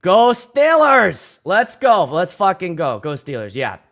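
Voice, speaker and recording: This DJ and livestream host from Pittsburgh, USA, speaks in a high, fairly bright voice with huge pitch swings and a slightly slow pace. He's young, has a Pittsburgh accent, rambles, restarts sentences and swears without holding back.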